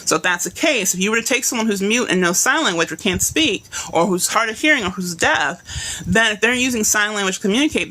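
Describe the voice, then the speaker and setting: A woman's voice: medium pitch, sharp tone. A woman teaching a live online writing class, talking in a chatty way and acting out readers' reactions.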